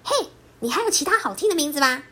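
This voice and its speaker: A cheeky little monkey boy from a storybook, put on by a woman, squeaky and full of giggles. The pitch is very high and leaps around. He sounds teasing and mischievous. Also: very animated, fast talker, sharp tone, full character voice. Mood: curious.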